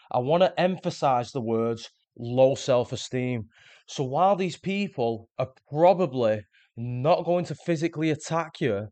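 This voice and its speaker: Male host, mid-pitched, dry close sound, earnest explainer. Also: a little mellow, dry recording. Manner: earnest, explanatory, repeats words when restarting. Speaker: self-improvement video host. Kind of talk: scripted motivational monologue.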